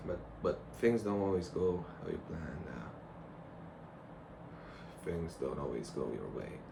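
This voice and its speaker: Here a young male vlogger speaks to a camera in a low, expressive voice at a measured pace. He rambles casually and reflectively in a loose conversational monologue, with clear background noise.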